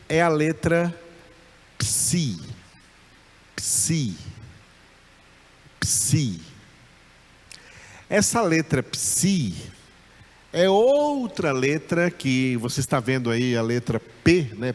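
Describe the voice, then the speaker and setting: A man with a Brazilian Portuguese accent teaching a recorded Bible school lesson, speaking slowly and patiently, repeating each sound several times. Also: on the high side, a little mellow. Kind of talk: recorded lecture.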